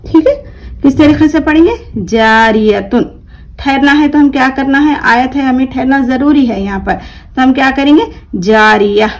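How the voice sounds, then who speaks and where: A woman's voice: high voice, steady tone, a little fast, a little mellow, poor audio. Woman teacher quizzing her class. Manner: asks the class questions and answers them herself; drawls and stretches the words she reads out as examples. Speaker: Quran reading teacher. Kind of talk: explaining a lesson to learners.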